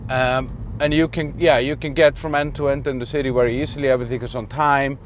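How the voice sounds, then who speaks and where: A man's voice: medium pitch, fairly even intonation, fast talker, slight background noise. A man from Iceland talking casually in a vlog, rambling with many fillers and restarts, sitting in a car. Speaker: vlogger.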